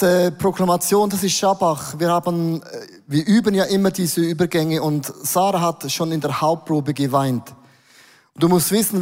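A man preaching a sermon as a worship leader, emphatic and declaring, his voice swelling louder. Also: fairly high pitch. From Switzerland. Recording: reverberant hall.

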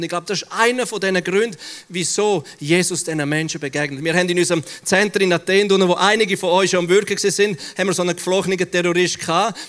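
A man with a high voice preaches an animated sermon to a congregation. He tells his stories vividly and acts out the people in them. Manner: animated storyteller, acting out quotes.

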